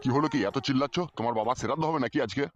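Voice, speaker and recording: A man's voice: mid-range voice, rapid-fire, highs cut off, natural voice. A man playing a foul-mouthed hot-tempered village dad. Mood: angry. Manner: swears constantly, barking and scolding. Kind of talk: comic audio drama. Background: background music.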